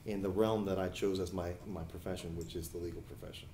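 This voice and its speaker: A New Jersey attorney in his forties who is running for a judgeship answers an editorial board's questions about his career. His fairly low voice is steady and warm, and he speaks in a measured, deliberate way, often pausing on small fillers while he thinks. The recording has a noticeable roomy echo and a faint hiss or hum.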